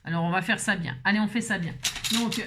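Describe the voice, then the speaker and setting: A woman hosting a crafting tutorial, chatting to viewers as she works, with a slightly hoarse voice. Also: mid-range voice, a little fast, background noise. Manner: rambling, talks to viewers while working, many fillers.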